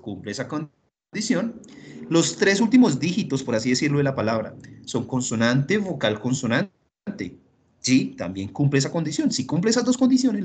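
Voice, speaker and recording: Patient, husky-voiced male teacher. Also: medium pitch. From Colombia. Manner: patient, repeats rules step by step, often asks "¿listo?". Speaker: English teacher. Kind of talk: recorded online English lesson.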